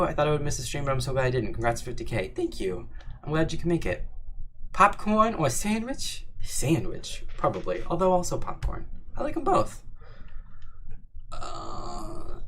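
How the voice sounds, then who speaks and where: Young male streamer for a chat q&a, medium pitch, bouncy lively delivery, laughs a lot, faint hiss behind. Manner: laughs often, reads chat aloud and banters. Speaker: livestream host answering chat. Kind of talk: casual livestream Q&A.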